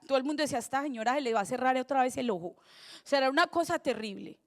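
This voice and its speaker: High-voiced woman pastor preaching conversationally. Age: middle-aged. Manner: conversational, animated preaching with rhetorical questions. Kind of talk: sermon.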